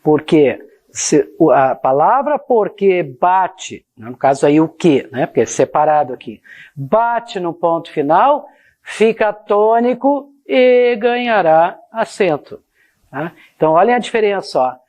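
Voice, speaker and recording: A woman teaches grammar at an unhurried pace, her pitch swinging widely as she stresses each point. She keeps checking that her students follow along, and she reads example sentences aloud with exaggerated intonation. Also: lively intonation, darkish tone. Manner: explanatory, addresses students directly with frequent checks like "tá?" and "ó". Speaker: Portuguese teacher. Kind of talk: classroom grammar lesson.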